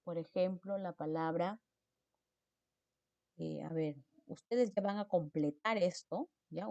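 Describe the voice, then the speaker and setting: Lady teaching rules, kinda low voice, talks slow, keeps asking "¿ya?". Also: mellow, no echo. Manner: patient, repeats example words slowly, checks with "¿no?" and "¿ya?". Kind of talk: spelling lesson on accent marks.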